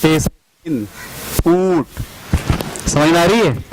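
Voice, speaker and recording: Man, teacher trainer, fairly high voice, slow and deliberate, faint room hiss. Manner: spells words out letter by letter, slow and deliberate. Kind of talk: teaching Urdu spelling to teachers.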